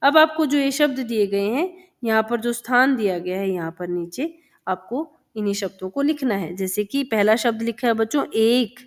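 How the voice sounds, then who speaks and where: A woman's voice: a little high, normal speed. A woman teacher explaining a children's textbook lesson, patiently repeating words and sounds for young pupils.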